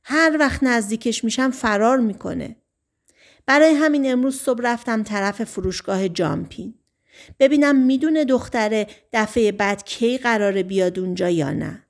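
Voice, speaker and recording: A woman's voice: a little high, close to an everyday voice. A woman voicing an eager male small-town deputy in an audiobook, dropping her voice to report what he has heard.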